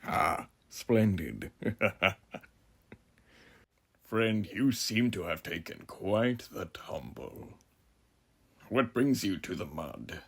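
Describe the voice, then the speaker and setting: A man playing a menacingly genial, philosophizing frontier judge in a horror audio roleplay, speaking grandly and theatrically with a gravelly voice. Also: on the low side, expressive, heavily acted. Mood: genial, sinister welcome. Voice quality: gravelly, husky. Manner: grandiloquent, unhurried, theatrical, with dramatic pauses. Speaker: voice actor.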